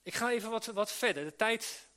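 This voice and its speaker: A man's voice: high voice, a little fast, pushed and bright. A man preaching a sermon to church workers, earnest, with many restarts and rhetorical questions to the listeners. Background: live audience he addresses.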